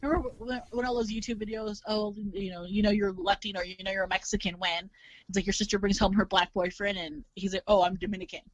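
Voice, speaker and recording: A woman's voice: mid-range voice, fast talker, dry recording, highs cut off. Chatty young woman guest, dry sound. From California. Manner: animated, chatty, filler-heavy. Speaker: podcast guest. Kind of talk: casual chat.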